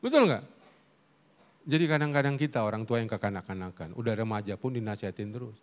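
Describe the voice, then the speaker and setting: This time the middle-aged guest preacher and counselor, with a lowish voice, talks quickly through a humorous family-life sermon at Sunday service. He animates his stories, puts questions to the congregation, and laughs along with them.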